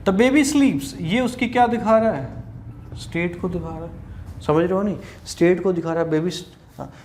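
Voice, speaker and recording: A man's voice: high-pitched, normal speed, darkish tone, a little hiss or hum. A young man with a Haryanvi Hindi accent teaching an exam-prep English grammar lesson, chatty, asking rhetorical questions and scolding students in asides.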